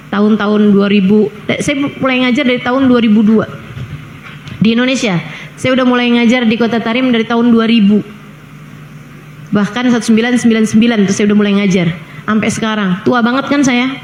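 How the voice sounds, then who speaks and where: A middle-aged woman with a high voice gives a relaxed religious lecture, chatting through a story with joking asides. She is heard in an echoey hall with a faint hum of noise behind her. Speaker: preacher.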